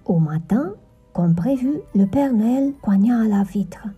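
A woman narrating a children's Christmas story in a gentle storytelling manner. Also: mid-range voice, expressive, measured pace, husky, lo-fi sound, soft background music.

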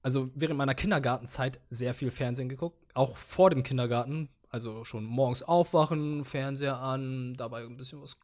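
A young man whose first language is Vietnamese co-hosts a podcast, casually chatting and recalling things in a meandering, hesitant way. His voice is medium-pitched with a darkish tone, a little fast, with few pauses.

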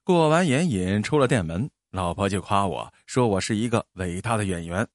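A man narrating a first-person story in an expressive, storytelling manner. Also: on the low side, normal speed, no echo, clean studio sound.

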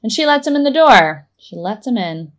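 A woman co-hosting a podcast, retelling a TV episode scene by scene in a casual, animated way. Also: fairly high pitch, moderate pace. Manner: animated play-by-play storytelling. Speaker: podcast co-host. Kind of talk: casual episode recap chat.

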